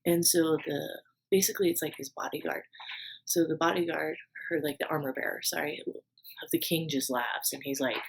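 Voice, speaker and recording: A woman's voice: low-pitched, steady tone, normal speed, vocal fry, slight background noise, poor audio. A woman retelling a Bible story in a casual, chatty way, with lots of fillers and asides to the viewer.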